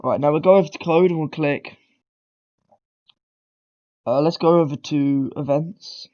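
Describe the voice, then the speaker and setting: This tutorial maker, nursing a cold, talks loosely through beginner-level code, wandering off track and fixing his own mistakes with lots of ums and throat clearing. His voice sits fairly high and he takes his time. The sound is lo-fi.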